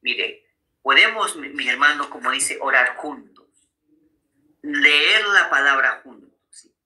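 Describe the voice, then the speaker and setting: A man's voice: on the high side, expressive, takes it slowly, pushed and bright, poor audio. A man preaching a sermon on marriage, often checking in with his listeners and calling them brothers. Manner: frequent tag questions to listeners.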